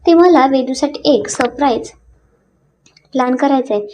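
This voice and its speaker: A woman's voice: sits high, lively intonation, moderate pace, dark tone, a little hiss or hum. A woman voicing an easygoing, cheerful young man with a breezy, friendly manner.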